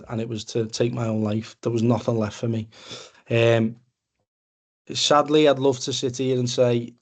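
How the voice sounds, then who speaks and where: In a mid-range voice with a darkish tone, a young Scouse-accented man from around Liverpool, England talks casually and plainly about his personal experience. He's a men's mental health support group speaker presenting informally on an online webinar video call.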